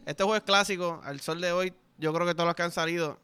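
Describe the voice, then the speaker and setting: A man's voice: sits high, fast talker, smooth, faint music behind. A man in his thirties with a Puerto Rican accent, hosting a podcast and telling crude jokes in casual solo chat. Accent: Puerto Rican Spanish. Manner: crude, joking, animated storytelling. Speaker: podcast host.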